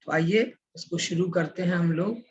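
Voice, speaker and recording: High-voiced man teaching slowly, lo-fi. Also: husky. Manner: slow, deliberate recitation, repeating Sanskrit terms syllable by syllable. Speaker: scripture teacher. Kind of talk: online class lecture. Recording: dull lo-fi recording.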